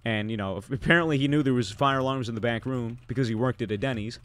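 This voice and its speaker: A man's voice: medium pitch, quick pace, fairly bright tone, no echo. Rambling young man telling a story. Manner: rambling, many fillers and restarts. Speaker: podcast guest storyteller. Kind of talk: casual podcast storytelling.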